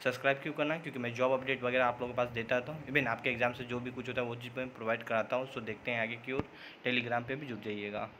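A man's voice: mid-range voice, fairly even intonation, pushed and bright, a little hiss or hum, low-quality recording. A man hosting a job-update channel, answering viewer comments in a casual vlog, rambling with many filler sounds and restarts and mixing English words in. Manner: admits he sometimes talks too fast.

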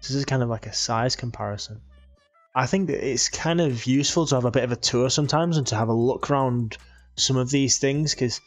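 A man's voice: medium pitch, brisk, soft background music. A man hosting a gaming video with casual, playful gameplay commentary, chatty and jokey. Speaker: gaming channel host.

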